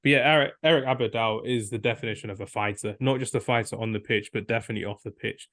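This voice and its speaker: A man's voice: lowish voice, fairly even intonation, fast talker, a bit bright, dry recording, studio quality. A young man co-hosting a football podcast, rambling enthusiastically and acting out quotes. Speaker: podcast co-host. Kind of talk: casual football debate.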